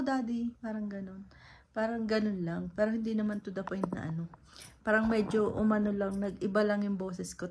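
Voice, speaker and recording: A woman's voice: mid-range voice, darkish tone. A woman from the Philippines chatting casually in a vlog, rambling with lots of fillers. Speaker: vlogger.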